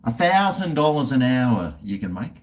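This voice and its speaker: With a mid-range, sing-song voice at a moderate pace, a middle-aged man hosts a livestream, casually rambling as he drinks beer. His style is blokey, easygoing and sweary.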